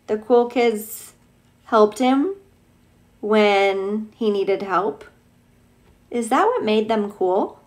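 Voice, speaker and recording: Using a medium pitch, a woman teacher brings a picture book to life for little kids with expressive, playful reading and effusive, chatty side comments.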